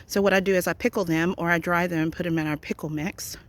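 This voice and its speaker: A woman's voice: fairly low pitch, steady tone, fast. A woman casually vlogging outdoors in the countryside while walking and foraging, chatty and self-deprecating.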